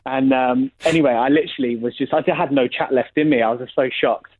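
A man's voice: medium pitch, fairly even intonation, fast. A young man telling a long story in casual chat, rambling with lots of fillers. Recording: tinny phone-like sound.

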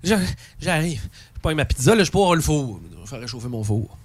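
A man's voice: fairly high pitch, a little fast, breathy edge, dry recording. A man with a Québécois accent telling a comic story among friends, ranting, swearing freely and acting out both sides of the conversation. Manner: animated ranting, heavy swearing, acts out both sides of a dialogue.

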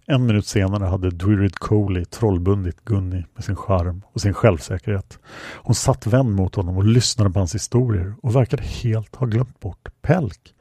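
Male audiobook narrator, calm storytelling, husky, dry close sound. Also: fairly low pitch, dry recording. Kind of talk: scripted narration.

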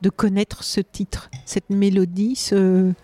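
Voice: mid-range voice, level tone, slow, warm tone. An interviewer asking casual questions, with lots of encouraging affirmations. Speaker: interviewer, host.

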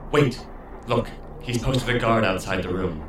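An actor playing a skeptical, measured male ally in an audio drama. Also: fairly low pitch, close to an everyday voice. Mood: wary. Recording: very echoey room, clear background noise.

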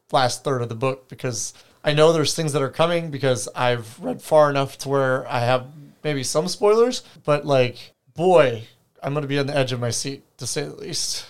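A co-host on a book podcast, chatting casually about a novel and hedging as they talk. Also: medium pitch. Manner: relaxed, hedging, with frequent "like" and restarts.

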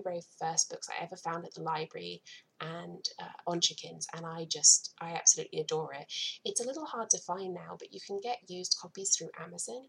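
A woman's voice: fairly low pitch, creaky, sharp tone, husky, poor audio. A woman with a British accent hosting her own podcast, chatting in an enthusiastic, rambling way. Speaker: podcast host. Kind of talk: casual solo podcast.

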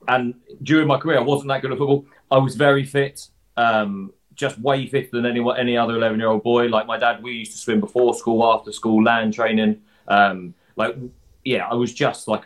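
A man with an Essex accent chatting casually as an interview guest, talking in a self-deprecating, matey way. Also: medium pitch. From Essex, England. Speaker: former footballer turned pundit, interview guest.

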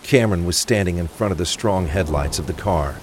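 The narrator's voice sits low and his pace is brisk as he reads a script for a crime thriller audio drama. Behind him you can faintly hear rain and traffic, with vehicle sounds.

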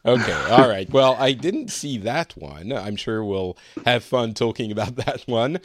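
A podcast host in his forties welcomes guests in a casual chat, teasing them and laughing often. He speaks unhurriedly in a medium pitch with lively intonation.

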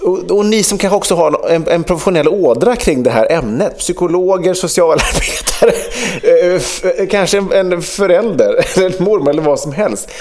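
A man's voice: high-pitched, animated, few pauses, darkish tone. A man co-hosting a casual podcast, telling a story with frequent fillers and acted-out dialogue. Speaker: podcast co-host.

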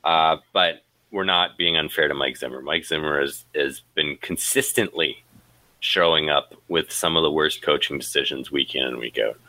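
Bright-voiced man hosting a sports chat. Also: very deep voice, moderate pace, dry recording, rough recording. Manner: animated, wry, critical. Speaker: podcast host.

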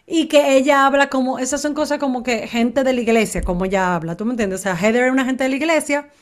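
A woman's voice: sits high, fast. A woman, co-hosting a casual gossip podcast and acting out what people said. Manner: animated, acts out quotes dramatically. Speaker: podcast co-host.

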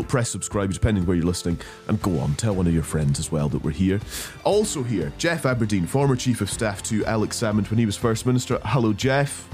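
A man's voice: fairly low pitch, darkish tone. Male podcast host with music behind. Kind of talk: podcast introduction and interviewing.

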